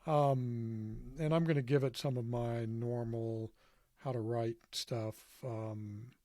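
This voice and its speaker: A man hosting a casual tutorial, walking through software on screen while thinking aloud in a self-deprecating, offhand way. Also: mid-range voice, steady tone, slow pace, dry recording, studio quality. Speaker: podcast host demonstrating software. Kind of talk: screen-recorded tutorial walkthrough.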